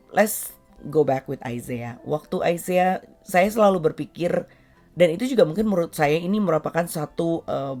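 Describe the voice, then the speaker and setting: A woman's voice: a bass voice, dark tone. A middle-aged woman from Indonesia hosting a casual family talk video, chatty and dropping in English words between frequent fillers. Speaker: parenting vlog host.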